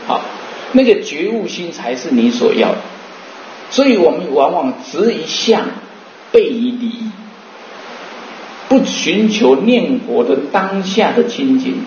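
Male dharma teacher, questioning and unhurried, slightly high-pitched, in a reverberant room. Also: a little mellow, slight background noise. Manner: rhetorical questions, slow chanting demonstrations. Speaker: Buddhist teacher. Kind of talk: dharma talk. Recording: roomy, muffled recording.

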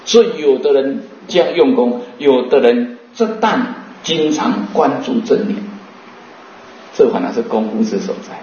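A man giving a Buddhist dharma talk, asking rhetorical questions and slowly chanting to demonstrate. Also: mid-range voice, expressive, a little mellow, slight background noise. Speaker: Buddhist teacher. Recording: roomy, muffled recording.

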